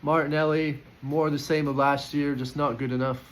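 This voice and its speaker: A man's voice: on the high side, flat delivery, a little fast, low-quality recording. A man giving casual, opinionated football player ratings in a chatty way, with frequent fillers and restarts. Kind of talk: casual post-match reaction.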